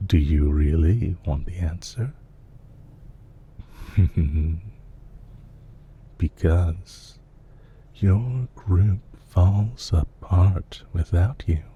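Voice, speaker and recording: A man voices a calculating, suave villain leader in an intimate audio roleplay, gently and politely addressing the listener with measured courtesy and a teasing touch. His pitch is extremely low and heavily acted, with a little hiss or hum in the audio. The mood is probing and assured.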